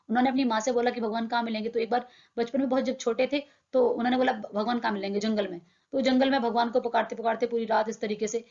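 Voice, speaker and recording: A young woman teacher explaining a textbook lesson in plain words, asking her own questions and answering them. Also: on the high side. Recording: dull lo-fi sound.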